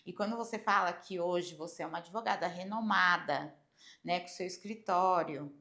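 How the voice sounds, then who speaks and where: Bright-voiced Brazilian woman hosting. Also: lowish voice, normal speed. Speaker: podcast host. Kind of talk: casual interview chat.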